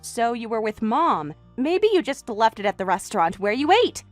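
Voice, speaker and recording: A woman voices a level-headed older sister near forty who stays reasonable and firm. Her voice is dry and close, with lively pitch and faint music behind it. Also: moderate pace, no room sound. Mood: reasoning. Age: late 30s. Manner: calm, reasoning, firm when pushed. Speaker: character in a voiced text story. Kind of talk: voice acting for a text-message story.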